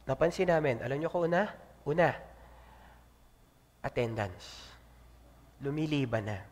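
A man preaching a sermon as pastor, swinging between loud calls and soft asides. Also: mid-range voice, expressive, a little slow, big-room sound.

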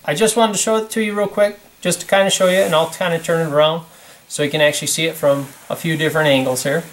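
A man giving a casual hands-on demonstration at a workshop bench, explaining how a fixture works in a relaxed, plain-spoken way with plenty of fillers. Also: a little high, quick pace, slight background noise. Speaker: product demonstrator. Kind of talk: casual hands-on product demo.

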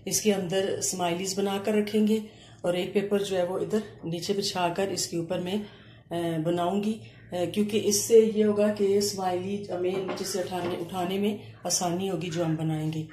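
A woman explaining a home cooking recipe step by step, pausing often as she works in a kitchen. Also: on the low side. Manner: calm step-by-step explaining with frequent hesitations. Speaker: cooking channel host. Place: home kitchen counter, indoors. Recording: echoey room with faint ambient noise.

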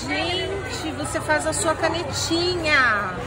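Excited woman filming in a store. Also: high-pitched, slow pace. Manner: enthusiastic, exclaiming at displays. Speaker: vlogger. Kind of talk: casual shopping vlog. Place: large indoor store. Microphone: handheld phone camera. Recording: busy store with music and crowd noise.

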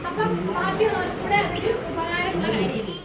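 High-voiced woman in a noisy crowd. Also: sing-song, fast, far from the mic. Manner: addresses a listener warmly as older sister, repeats herself. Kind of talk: casual on-the-spot chat. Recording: echoey, from afar in a noisy crowd. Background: crowd chatter and loud noise.

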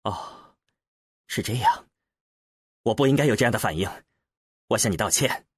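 A man's voice: medium pitch, expressive, normal speed, breathy edge, no echo, studio quality, pitched below the performer's own voice. A man voicing a wary male starship captain in an audiobook, blunt and guarded in speech. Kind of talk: audiobook character voice.

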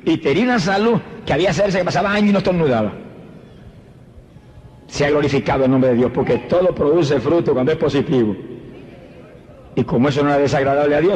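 An older man with a Puerto Rican accent preaching a fervent Pentecostal sermon, exhorting his listeners and moving between slow, emphatic phrases and rapid bursts. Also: fairly high pitch, a little mellow. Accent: Puerto Rican Spanish. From Puerto Rico. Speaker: evangelist preacher. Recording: archival sermon with hall reverb and faint hiss.

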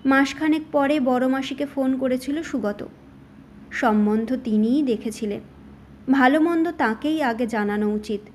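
A woman storyteller narrating a short story for an audiobook in a steady, measured reading. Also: high voice, slight background noise.

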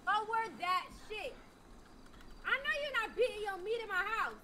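A woman's voice: extremely high pitch, animated, normal speed, noisy background. A woman playing a nagging, foul-mouthed mother who scolds her teenage son over and over in an improvised game role-play. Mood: angry, accusing.

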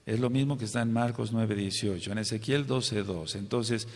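A man's voice: lowish voice, moderate pace, gravelly, darkish tone. Preaching man in a reverberant hall. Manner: emphatic, asks the congregation for amens and checks understanding. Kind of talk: sermon, Bible study teaching.

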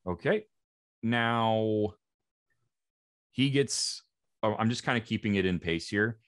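A man narrating as game master of a tabletop game over a video call, unhurried with fillers. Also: on the low side, no room sound, clean studio sound.

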